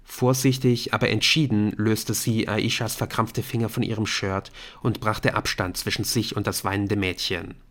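A man reads an audiobook aloud with a fairly low voice. His narration is steady and even. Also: normal speed, hardly any pauses.

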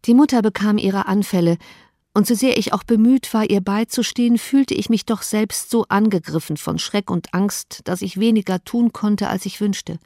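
A woman narrator reads a kind elder sister with a soft, measured, conciliatory way of talking. The voice stays mellow and dark, recorded dry and close. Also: mid-range voice, no echo, lightly acted. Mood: gentle. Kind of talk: audiobook reading.

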